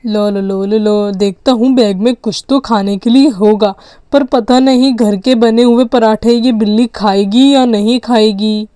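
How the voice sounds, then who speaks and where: A woman voicing a playful, always-hungry little boy in a doll story, talking in an eager, excitable way. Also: a little high, measured pace, clean tone, no room sound, studio quality, lightly acted. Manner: eager, excitable kid talk. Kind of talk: doll story role-play.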